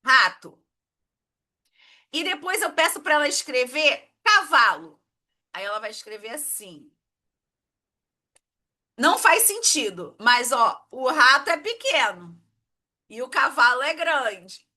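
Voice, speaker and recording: Woman teacher, clear, high-pitched, explains patiently and keeps checking the class follows. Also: very animated, takes it slowly, pauses often, sharp tone. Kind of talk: exam-prep lesson.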